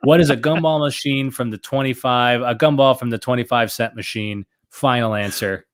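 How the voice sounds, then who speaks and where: On a trivia livestream, a young contestant and co-host chats casually with a steady, medium-pitched voice at a moderate pace. He rambles and mocks himself, using lots of fillers.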